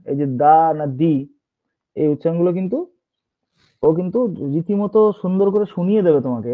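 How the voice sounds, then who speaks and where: A male English teacher giving an online class lesson, patient, checking in with his students and repeating points. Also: on the high side. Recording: tinny phone-like online class audio.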